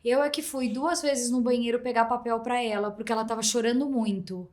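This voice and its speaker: A woman with a Brazilian Portuguese accent hosting a podcast, telling stories in an animated way, acting out her child's replies, often restarting her sentences. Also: on the high side, fairly quick. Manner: rambling with frequent restarts. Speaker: podcast host. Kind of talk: casual interview chat.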